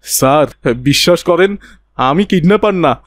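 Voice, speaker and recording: A man's voice: on the high side, moderate pace, no room sound, studio quality, close to an everyday voice. A man voicing a frightened poor car driver in a cartoon, pleading in rustic colloquial speech.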